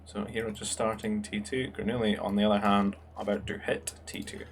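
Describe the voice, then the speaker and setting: A young man casts a strategy game match in a relaxed, musing voice that sits fairly low. He thinks aloud as he goes, with plenty of fillers. A faint hiss runs under the home recording. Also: brisk. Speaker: game caster. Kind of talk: casual esports commentary.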